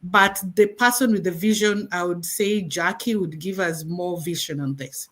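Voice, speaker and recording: A woman's voice: on the low side, normal speed. Hesitant woman guest on a panel. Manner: hesitant, many filler sounds. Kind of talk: casual panel talk.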